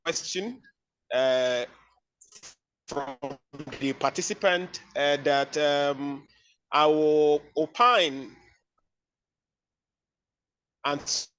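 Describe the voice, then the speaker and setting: A man's voice: a little high, very slow, fairly bright tone, clean tone, rough recording. Man on a glitchy, cutting-out video call. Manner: formal, hesitant phrasing. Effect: glitchy audio that cuts out and breaks up. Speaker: webinar panelist. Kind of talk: online webinar discussion.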